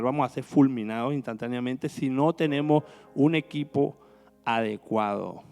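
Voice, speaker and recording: A man's voice: a little high, in a large hall. A man preaching a sermon as minister, asking the congregation rhetorical questions. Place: church hall.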